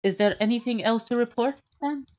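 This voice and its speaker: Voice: medium pitch, fairly quick, a little mellow, pitched above the performer's own voice, natural voice. A game master voicing a busy woman leader who talks politely and hurriedly, with stumbling restarts. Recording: dull lo-fi sound.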